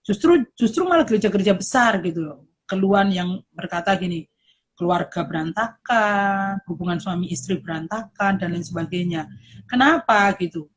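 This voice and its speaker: A middle-aged woman, a pastor and teacher, chatting casually and lively, acting out parents and children in quick voices and laughing often. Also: mid-range voice, breathy edge. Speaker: guest speaker, pastor and teacher. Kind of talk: casual chat.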